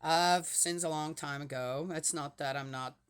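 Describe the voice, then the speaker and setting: A woman's voice: low-pitched, fairly even intonation, measured pace, smooth. Lady, 60s, rambly chat to viewers, keeps asking "right? yes? no?". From Switzerland. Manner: rambling, fires rhetorical questions at viewers. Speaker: vlogger reading the Bible. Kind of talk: casual chatty monologue.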